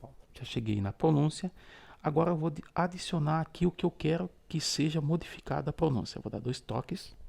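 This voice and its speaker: A man's voice: fairly high pitch, expressive, brisk, gravelly, darkish tone. A man hosting a step-by-step tutorial on using a phone screen reader, patiently explaining each gesture aloud. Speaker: tutorial host.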